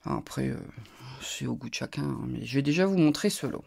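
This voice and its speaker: A crafting YouTuber with a northern French accent chats casually in a haul video, rambling and tossing in asides as she shows off her crafting purchases. Her bass voice is expressive and brisk, creaky and dark, with a breathy edge.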